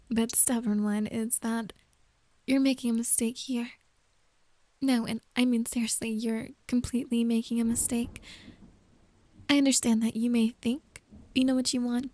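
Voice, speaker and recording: A woman playing a possessive, manipulative girlfriend in an ASMR role-play, soft and breathy, with a creepy, coaxing, controlling manner. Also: on the high side, no room sound. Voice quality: soft, breathy, often soft-spoken. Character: possessive, manipulative yandere girlfriend, sweetly menacing.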